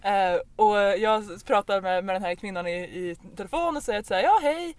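A woman on a podcast telling a personal anecdote in a casual, lively way, with lots of fillers and restarts. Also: medium pitch, clear, resonant tone, dry recording. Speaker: podcast host. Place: podcast recording.

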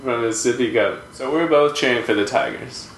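A man co-hosting a podcast, chatting casually about baseball and family with relaxed, wry storytelling. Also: mid-range voice, moderate pace. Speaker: podcast co-host. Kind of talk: casual chat while watching a baseball game. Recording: roomy room with faint noise.

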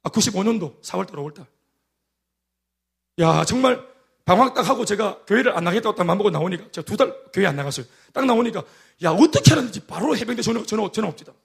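A male pastor with a Gyeongsang accent preaches in an animated storytelling style. His voice is gravelly and sits high for a man. He acts out the lines of the people in his stories. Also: fast. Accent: Gyeongsang dialect. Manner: animated storytelling with acted-out quotes. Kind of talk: sermon.

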